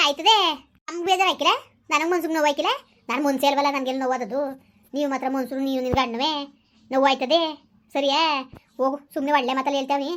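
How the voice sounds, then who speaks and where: A woman's voice: high-pitched, a bit bright. A woman, performing a village comedy skit full of scolding and taunting banter. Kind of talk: rural comedy skit, bickering dialogue.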